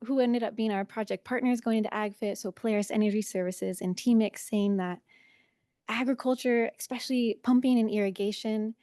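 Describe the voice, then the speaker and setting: A woman's voice: a little high, steady tone, brisk, warm tone, no echo, clean studio sound. A woman giving a conference presentation, sounding nervous and self-conscious as a first-time presenter.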